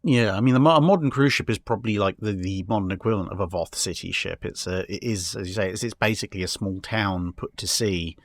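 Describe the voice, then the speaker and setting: A man with a lowish voice talks fast with few pauses, chatting casually and discursively. He has a wry streak and likes hypothetical examples, appearing as a guest who answers questions about history and starships.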